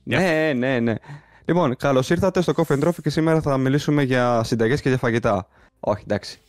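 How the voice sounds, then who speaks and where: A man from Greece with a mainland Greek accent hosts a podcast in casual chat, his mid-range voice recorded with no echo.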